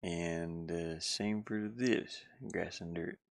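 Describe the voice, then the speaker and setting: A game developer live streaming thinks aloud in a low, gravelly male voice, giving casual commentary. His tone stays steady and his pace slow as he rambles, muses and hesitates. No room sound is audible.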